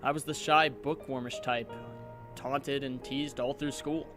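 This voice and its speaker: A man's voice: medium pitch, fairly even intonation, unhurried, over music, close to an everyday voice. A man voicing an earnest, self-doubting and wry young superhero in a comic book dub, with theatrical delivery. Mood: earnest storytelling.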